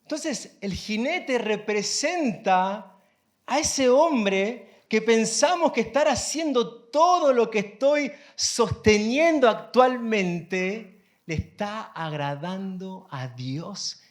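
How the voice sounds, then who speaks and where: A man's voice: sits high, expressive, slow. A man preaching a sermon as pastor, asking the congregation questions and building up to emphatic phrases.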